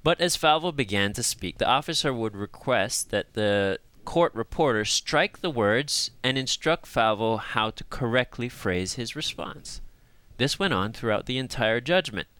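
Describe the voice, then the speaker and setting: A man hosting a discussion show, telling a story in a calm, measured way and then talking with his guests. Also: medium pitch, clear, resonant tone, no room sound. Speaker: host. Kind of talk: scripted narration and discussion hosting.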